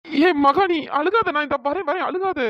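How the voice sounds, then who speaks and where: A woman's voice: very high voice, moderate pace, lo-fi sound. A woman voicing a caring older-brother friend in a cartoon story, anxious and comforting. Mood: worried.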